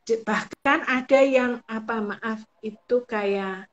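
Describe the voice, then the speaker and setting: Woman counselor talking things through calmly on a live stream, kinda dull lo-fi audio. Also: a little high, takes it slowly. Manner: patient, explanatory, acts out example phrases. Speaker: family counselor guest. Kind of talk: live-stream advice talk.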